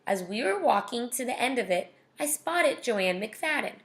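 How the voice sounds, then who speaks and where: A woman's voice: a little high, very animated, normal speed, a bit bright. A young woman casually reading a children's novel aloud, breaking off to chat and comment. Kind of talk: casual read-aloud with asides.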